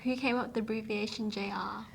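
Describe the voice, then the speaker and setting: A woman hosts a podcast interview in a fairly high voice, keeping questions upbeat and teasing. She laughs easily and keeps the conversation moving. Faint room ambience sits behind her. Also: fairly even intonation, creaky, slight background noise. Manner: upbeat and playful, quick to laugh and tease. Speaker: podcast host. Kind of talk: friendly interview hosting.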